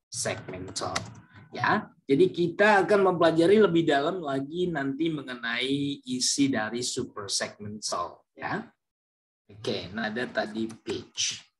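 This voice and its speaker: A man teaching a class, explaining slowly with many fillers and sometimes acting out example words loudly. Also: a little high, slight background noise. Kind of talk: classroom lecture.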